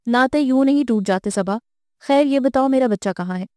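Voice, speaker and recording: Smug, menacing husband, read by a woman in her own mellow voice. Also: high voice, dry recording, clean studio sound, lightly acted. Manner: smug, threatening. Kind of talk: audiobook character voice.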